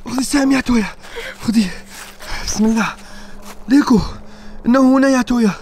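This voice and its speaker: A man with a very high voice and a Levantine Arabic accent hosts a staged adventure vlog. He talks fast and frantically, shouting warnings and muttering prayers under his breath. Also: steady tone, a little hiss or hum. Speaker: adventure vlogger.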